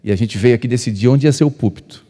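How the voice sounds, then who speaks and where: A male pastor, telling stories to couples. He speaks loudly by nature, acts out dialogue and jokes with the crowd. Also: mid-range voice, fast talker. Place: church hall. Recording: long reverb of a church hall.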